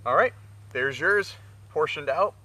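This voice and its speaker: A man's voice: a little high, animated, unhurried, pushed and bright, no echo, full character voice. A man acting a cocky, easygoing outdoorsman in a found-footage film, with a wry, naturalistic delivery. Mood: teasing. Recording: faintly noisy outdoor camera audio.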